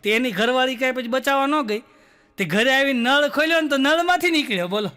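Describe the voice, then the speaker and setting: A Gujarati comedian on stage, spinning joke after joke in a strikingly high, bright and forceful voice. He slips into the characters of his tales and laughs along with his own punchlines. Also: fast talker, clear, resonant tone. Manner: storytelling, acting out characters with raised pitch and laughing through punchlines. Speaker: stand-up comedian. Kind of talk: stand-up joke telling.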